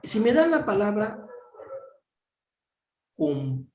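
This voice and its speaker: A man teaches a grammar lesson in an echoey room. He talks slowly, drawing out the syllables. His voice rises and falls a great deal as he asks questions and answers them himself. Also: high voice, wildly swooping pitch, a little mellow.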